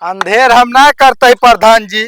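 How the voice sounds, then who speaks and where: Man acting high-voiced, stubborn Awadhi village landowner. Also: measured pace, fairly bright tone. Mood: insistent. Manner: argumentative, insistent. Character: stubborn, quarrelsome village landowner building a wall. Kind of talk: village comedy skit acting.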